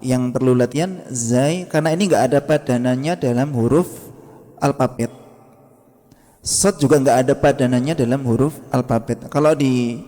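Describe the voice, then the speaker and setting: Warm-voiced man teaching recitation. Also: medium pitch. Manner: patient, demonstrates sounds slowly and quizzes the class. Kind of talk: classroom lesson with drills. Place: mosque hall. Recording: long hall reverb.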